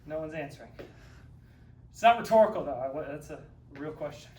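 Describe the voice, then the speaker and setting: A fitness instructor leads a guided workout in an empty, echoey room, recorded from a distance. His fairly high, darkish voice is lively and a bit fast, and he's slightly winded as he exercises, joking upbeat coach talk while counting reps.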